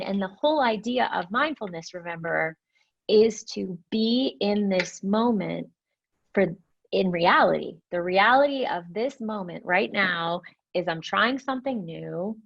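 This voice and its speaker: Gravelly-voiced woman teaching mindfulness. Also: mid-range voice. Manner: gentle, reflective, often asks "right?". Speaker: meditation teacher. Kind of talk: guided mindfulness class. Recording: dull lo-fi call audio.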